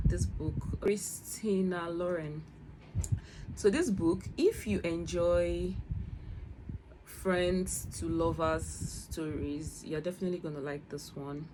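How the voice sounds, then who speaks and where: A young woman gives a casual book review at home, speaking slowly and unhurriedly. Her voice sits a little low, and she laughs easily, often breaking off and restarting her sentences. A steady background noise runs under the recording. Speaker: book vlogger.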